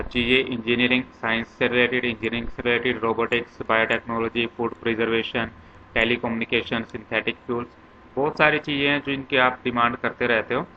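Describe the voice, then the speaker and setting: A man's voice: mid-range voice, level tone, moderate pace. A man teaching commerce, walking through concepts in a lecture with lists and examples. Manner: explains step by step with many examples and lists. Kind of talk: classroom lecture. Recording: slightly dull lo-fi with faint noise.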